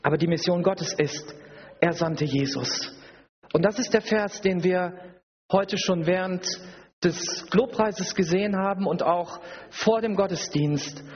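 In a reverberant hall, a dull recording captures a man delivering a church sermon. His voice is high-pitched and slightly rough, a little slow, and he speaks emphatically and repetitively, asking rhetorical questions.

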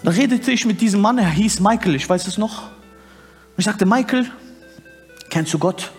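A man's voice: sits high, breathy edge, faint music behind. A man preaching a sermon and telling a personal testimony with fervor, drawing out words for emphasis. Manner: fervent storytelling, drawn-out emphatic words.

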